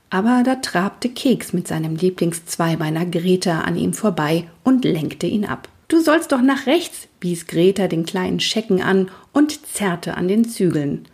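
A woman narrating a children's story in a lively storytelling manner, with a husky voice. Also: on the low side. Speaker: audiobook narrator.

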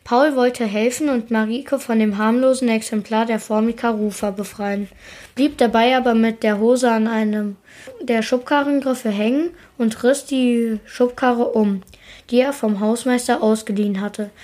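A woman's voice: a little high, fairly even intonation, normal speed, a little mellow. Woman reading a storybook aloud. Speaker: book reader.

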